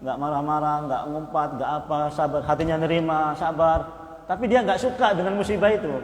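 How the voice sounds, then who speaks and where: A male preacher giving a lively mosque study lesson, repeating points and chuckling with listeners. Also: a little high. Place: mosque hall. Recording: echoey hall, long reverb.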